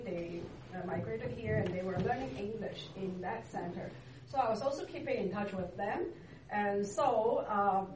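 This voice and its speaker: Recorded from afar in a reverberant church hall full of noticeable background noise, a church ministry worker from Hong Kong answers questions in a casual interview. Her medium-pitched speech is slow and unhurried, with frequent pauses while she hunts for the right words.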